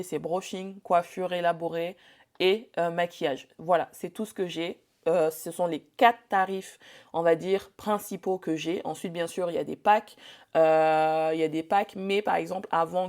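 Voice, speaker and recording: Chatty French woman, low-pitched. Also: darkish tone. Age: young adult. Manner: chatty, many fillers and restarts. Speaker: bridal hair and makeup artist teaching business. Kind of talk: casual spoken training talk.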